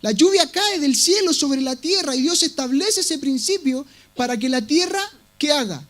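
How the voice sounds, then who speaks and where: High-voiced emphatic male preacher. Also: lively intonation, moderate pace, fairly bright tone. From Latin America. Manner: emphatic preaching, repeats key words. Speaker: pastor. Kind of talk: sermon.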